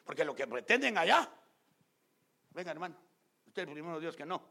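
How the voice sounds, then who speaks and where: A man preaching a fiery sermon as pastor. He talks straight to the congregation, gets loud and emphatic, and acts out scenes in other voices. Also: a little high, big pitch swings, moderate pace, vocal fry. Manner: loud and emphatic, often shouting.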